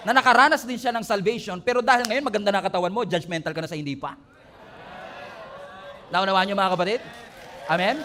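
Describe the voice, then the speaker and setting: A man's voice: high voice, quick pace, long pauses, bright, forceful tone, slight background noise. A male pastor preaching a sermon, moving between emphatic, rising appeals and humorous storytelling. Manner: preaching in mixed Tagalog and English, rising to emphatic peaks.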